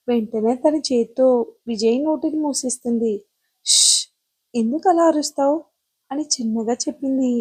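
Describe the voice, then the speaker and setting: A woman narrating a romantic novel aloud as an audio story, in a steady, expressive storytelling manner. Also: high-pitched, breathy edge, dry recording.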